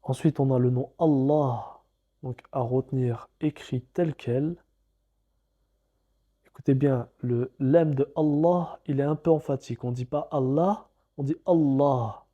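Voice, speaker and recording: In a muffled recording, a man with a dark, medium-pitched voice teaches how to read Arabic letters. He speaks unhurriedly with fairly even intonation, spelling out each letter and vowel patiently in a slow, stepwise lesson.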